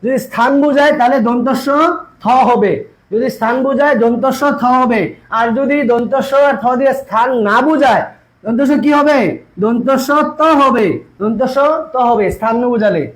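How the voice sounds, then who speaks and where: A man teaches an online exam-prep class. His voice sits very high for a man. He repeats each point and keeps throwing rhetorical questions at his students. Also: normal speed, poor audio.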